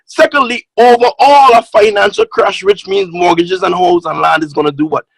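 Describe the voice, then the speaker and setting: A man giving an excited, exhorting motivational talk as a guest speaker on a conference call. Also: high voice, normal speed, creaky, no room sound, poor audio.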